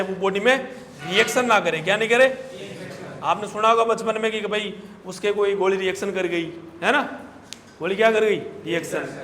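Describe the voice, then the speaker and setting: A man's voice: high-pitched, a bit bright, a little hiss or hum. A man teaching a veterinary class, quizzing and scolding his students as he lectures. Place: large echoey classroom. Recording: echoey hall, long reverb.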